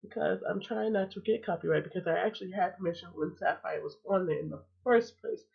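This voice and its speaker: A woman's voice: fairly low pitch, brisk, gravelly, husky. A woman hosting a casual reaction video, chatty and blunt, sounding stuffed up from a cold. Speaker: reaction streamer. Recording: tinny phone-like lo-fi sound.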